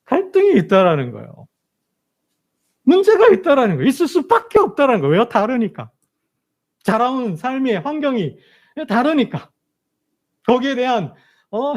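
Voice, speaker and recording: A male pastor preaching a sermon in a church, asking rhetorical questions and repeating emphatic phrases. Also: very high-pitched. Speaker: senior pastor. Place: church sanctuary.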